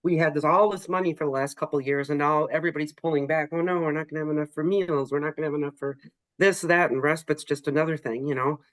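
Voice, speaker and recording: Talking fast in a low, steady voice, a state agency staffer in middle age rambles through her complaints during a relaxed video call, leaning heavily on "you know." There's no echo, though the recording is rough.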